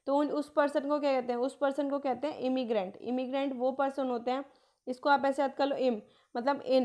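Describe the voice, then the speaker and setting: A woman teaching vocabulary for exams, reading out English phrases slowly and then explaining them, often asking a question and answering it herself. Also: high-pitched, a little mellow. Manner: asks and answers her own questions, repeats key words; mixes in English phrases, slowing to read them out. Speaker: exam prep teacher. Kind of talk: explanatory lesson.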